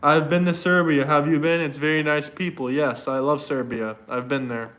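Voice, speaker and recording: With a fairly high pitch, steady tone, moderate pace and a bit of brightness, a young man from Florida runs a casual livestream. Indoors in Montenegro, he chats loosely, answers comments from viewers and often repeats himself.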